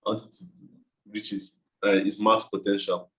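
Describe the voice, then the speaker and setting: A man's voice: lowish voice, little pitch movement, moderate pace, fairly bright tone. A man with a West African accent talking casually as an interview guest, explaining things in a loose, informal way. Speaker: game developer being interviewed.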